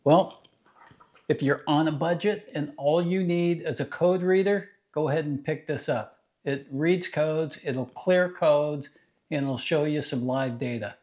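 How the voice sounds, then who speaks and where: A man's voice: fairly high pitch, darkish tone. A man in his fifties, a garage channel host, plainly demonstrating scan tools in his home garage. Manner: plain, practical, unhurried explaining. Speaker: DIY mechanic channel host. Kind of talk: casual product demo.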